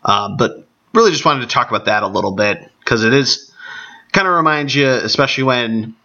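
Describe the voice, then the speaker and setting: A man with a gravelly, allergy-congested voice talking casually on his own as a sports podcast host. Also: mid-range voice, lively intonation, a little fast, bright, forceful tone. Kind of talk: casual solo podcast talk. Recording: dull, band-limited podcast audio.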